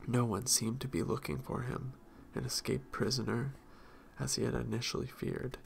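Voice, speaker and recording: A man reading a fantasy novel aloud in a soft-spoken voice that often drops into whispers. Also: mid-range voice, level tone, moderate pace, gravelly, slight background noise. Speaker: audiobook reader.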